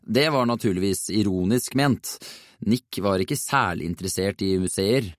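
A man narrating a children's storybook in an even, measured reading. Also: on the low side, no echo, studio quality. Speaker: audiobook narrator.

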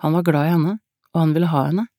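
Woman audiobook narrator, deep voice, measured pace, dry studio sound. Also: mellow, no room sound. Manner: measured, unhurried storytelling. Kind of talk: scripted narration.

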